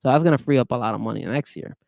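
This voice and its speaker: A man co-hosting a casual sports podcast, talking in an animated way with frequent restarts and hedges. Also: mid-range voice, very fast, creaky, no echo. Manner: animated, hedging, many restarts. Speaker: podcast co-host.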